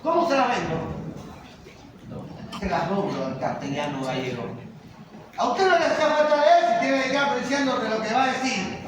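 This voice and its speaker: Cuban-born male teacher, high voice, emphatic lecturing full of rhetorical questions; distant, very echoey classroom recording with noise. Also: very animated, normal speed. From Cuba.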